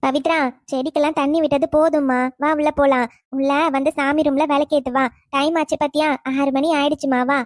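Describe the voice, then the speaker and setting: A woman voicing a calm, protective middle-aged mother in a cartoon, gently scolding and reasoning. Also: high voice, a little fast, hardly any pauses, dry recording, clean studio sound, close to an everyday voice.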